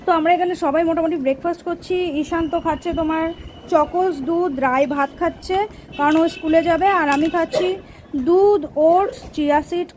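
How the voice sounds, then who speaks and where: A woman's voice: high-pitched, darkish tone, slight background noise. A woman from West Bengal chatting to viewers in a casual home vlog while she cooks and tidies, unwell with a sore leg. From West Bengal, India. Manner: chatty, talks to viewers while doing housework. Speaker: vlogger. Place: home, kitchen and bedroom.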